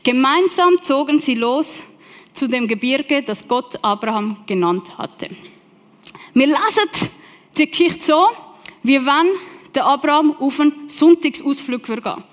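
A woman with a Swiss German accent preaching a sermon, telling the story with lively questions to her listeners. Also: high-pitched, measured pace. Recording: long reverb of a large hall.

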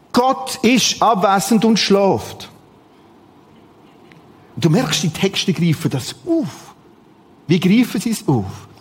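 A man preaching a sermon in a lively, conversational way, with sudden emphatic outbursts. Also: sits high, in a large hall.

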